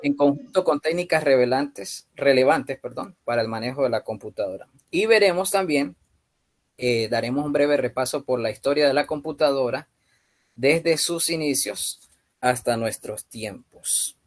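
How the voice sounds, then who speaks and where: A Venezuelan man in his thirties presents a basic computer class to a youth group over a video call. He talks at a measured, unhurried pace and often pauses on hesitant fillers. His voice sits at an ordinary middle pitch for a man. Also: animated. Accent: Venezuelan Spanish. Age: 30s. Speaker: youth ministry instructor.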